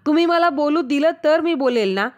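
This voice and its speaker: A woman's voice: high-pitched, animated, moderate pace, a little mellow, pitched above the performer's own voice. A woman reading the lines of a stubborn, teasing young wife answering back to her husband. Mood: defiant. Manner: teasing, defiant retorts.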